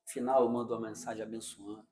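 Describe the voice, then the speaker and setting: With a lowish voice, this Brazilian preacher delivers a lively sermon full of rhetorical questions for the congregation, slipping into quick impressions of parents and their kids.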